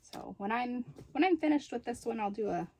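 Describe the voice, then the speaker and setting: A woman vlogger chatting casually as she shows her craft projects, slightly out of breath after being sick and pausing to recall details. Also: fairly high pitch, animated, warm tone, slight background noise. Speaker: crochet and knitting vlogger. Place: room at home with poor lighting.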